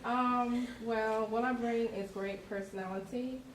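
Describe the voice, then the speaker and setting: A woman's voice: a little high, fairly even intonation, unhurried. A young woman with a Kittitian accent introduces herself informally to a group. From Saint Kitts. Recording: distant mic, echoey room, very noisy crowd.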